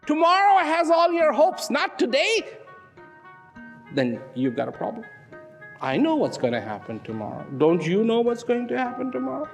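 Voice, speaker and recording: A man giving a dramatic motivational narration, slow and emphatic, asking rhetorical questions and sometimes dropping to a near whisper. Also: very high-pitched, wildly swooping pitch, gravelly, faint music behind.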